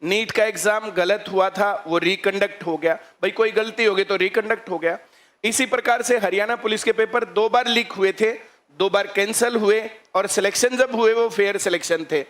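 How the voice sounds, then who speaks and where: A man's voice: high-pitched, moderate pace, fairly bright tone. A man teaching at a coaching centre, lecturing students on current affairs and firing rhetorical questions at them.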